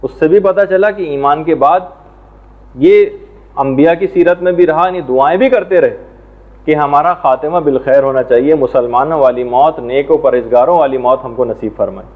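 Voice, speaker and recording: Tinny-sounding male religious teacher. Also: on the high side. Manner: measured, explanatory, quotes Arabic prayers. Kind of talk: academic religious lesson.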